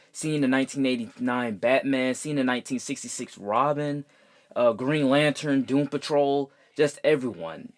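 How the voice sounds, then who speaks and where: Young male vlog host, casual, loud and excitable, rambling opinions. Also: medium pitch. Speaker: vlog host reviewing a show.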